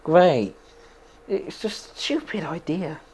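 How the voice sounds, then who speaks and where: A man's voice: medium pitch, animated, normal speed, darkish tone. A young man chatting casually while playing a game, rambling, opinionated and laughing often. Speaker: gaming streamer.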